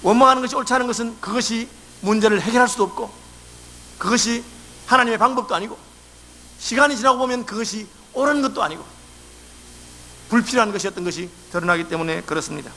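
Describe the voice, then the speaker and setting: A man's voice: sits high, quick pace, long pauses, sharp tone. A male pastor preaching a sermon in a church, acting out complaints in dialect. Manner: acts out quoted complaints in dialect. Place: church sanctuary.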